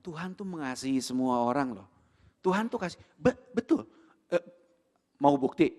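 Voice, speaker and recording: A man with an Indonesian accent preaching a sermon in a church, animated and full of rhetorical questions, with English words mixed in. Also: a little high, moderate pace. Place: church hall. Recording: long hall reverb.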